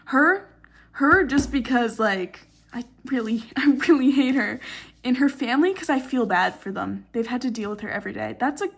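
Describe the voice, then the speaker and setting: A woman's voice: on the high side, moderate pace, vocal fry. A young woman in her late teens giving a casual late-night tour of her sketchbook. She is tired and rambling, joking and swearing in sarcastic asides, in a dim room at night. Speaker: artist showing her sketchbook.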